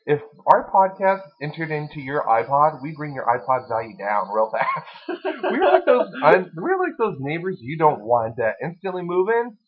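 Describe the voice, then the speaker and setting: A man's voice: fairly high pitch, big pitch swings, normal speed. A man co-hosting a podcast, joking crudely and laughing in casual chat. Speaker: podcast co-host. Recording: dull lo-fi sound.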